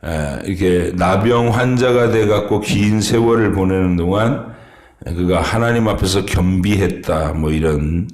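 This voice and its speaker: A man preaching an early-morning sermon as pastor, speaking in a halting way with many pauses and fillers. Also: sits low, darkish tone, echoey room. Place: church sanctuary.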